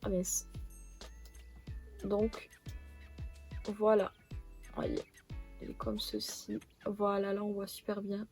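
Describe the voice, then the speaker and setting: A woman's voice: mid-range voice, sing-song, takes it slowly, long pauses, a little mellow, faint music behind. A young woman presenting beauty products in a casual haul video, rambling with many fillers and restarts. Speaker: beauty vlogger.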